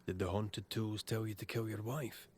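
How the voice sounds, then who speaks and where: An actor playing a stern, composed ghost hunter in a video game, speaking in a terse, measured, matter-of-fact way. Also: male voice, lowish voice, steady tone, close to an everyday voice. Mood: calm, guarded. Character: stern, composed male ghost hunter, guarded but helpful. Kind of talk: dramatic video game voice acting. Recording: faint ambient noise behind.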